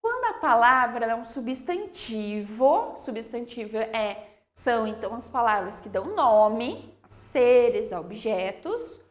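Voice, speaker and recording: A woman teaching young children spelling, drawing out each example word slowly and checking in with "ok?". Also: on the high side, very animated. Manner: slow, drawn-out word-by-word dictation with frequent "ok?" checks. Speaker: primary school teacher.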